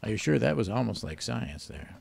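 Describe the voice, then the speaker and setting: A man's voice: on the low side, sing-song, a little fast, creaky, crowd noise. A man hosting a radio quiz show, teasing the caller with dry wisecracks. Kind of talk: joking quiz banter.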